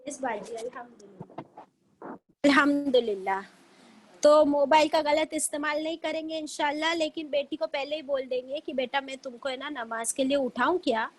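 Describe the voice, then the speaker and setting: Woman, religious teacher, high pitch, gentle storytelling, video call. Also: steady tone. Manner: gentle, slow storytelling with pious phrases.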